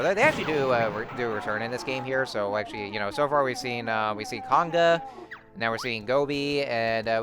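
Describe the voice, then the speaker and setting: A man giving casual, rambling game commentary full of fillers and restarts. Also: fairly low pitch. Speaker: let's-play host.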